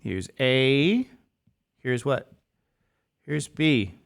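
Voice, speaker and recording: Slow-talking man teaching a math class. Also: mid-range voice, sing-song, creaky, clear, resonant tone. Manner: asks the class quick questions and answers them himself. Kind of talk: classroom lecture.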